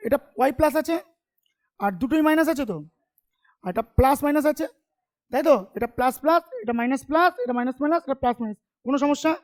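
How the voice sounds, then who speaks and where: A male commerce tutor giving an informal classroom lecture, talking to students in a familiar, teasing way and often asking if they follow. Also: very high voice. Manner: chatty, keeps checking understanding with quick questions.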